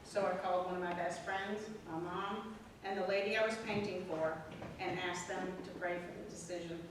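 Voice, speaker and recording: A woman telling her personal faith testimony as a guest speaker at a prayer group, earnest and storytelling, with emphatic pauses. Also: fairly low pitch, steady tone. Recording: echoey room, mic far off, faint noise.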